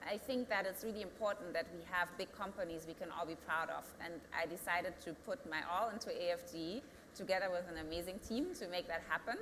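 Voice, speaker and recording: A German-accented woman in her thirties, a company founder, answers interview questions earnestly in a lowish, fairly bright voice. She talks fast with few pauses, thinks aloud with restarts, and builds to emphatic peaks, with a long reverb tail and slight background noise.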